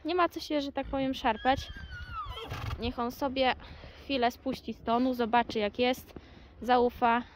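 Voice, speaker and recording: High-voiced woman coaxing a horse. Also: fairly even intonation, unhurried, long pauses, a little hiss or hum. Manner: coaxing, calls horse commands loudly. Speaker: horse trainer vlogger. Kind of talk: casual talk while lunging a horse. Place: outdoor lunging ring with horses.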